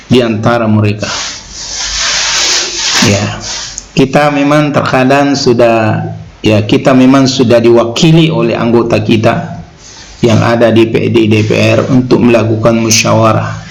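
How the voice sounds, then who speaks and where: A man of ordinary middle pitch lectures on religious ethics at a steady, unhurried pace. He often tags his phrases with a soft "ya" and slows right down to chant Arabic scripture. Faint hiss sits under the recording. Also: creaky. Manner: unhurried, recites Quranic Arabic verses slowly, frequent "ya" tags. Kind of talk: Islamic teaching talk.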